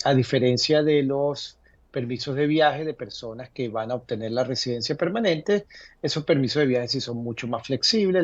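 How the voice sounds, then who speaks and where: A man explaining legal matters to viewers, pausing often on fillers and restarting his sentences. His voice sits in an ordinary middle register and comes through dry, with no room sound. The audio is dull and lo-fi, like a remote link. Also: medium pitch, no room sound. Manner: halting, many fillers and restarts. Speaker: legal guest answering viewer questions. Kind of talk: live call-in advice segment.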